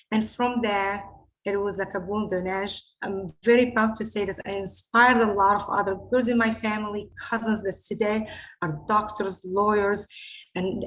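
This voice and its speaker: A middle-aged woman from Morocco, giving an earnest lecture over a video call, with halting phrasing and frequent restarts. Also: mid-range voice, a little hiss or hum, poor audio. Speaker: invited lecturer, scientist. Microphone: video call webcam mic.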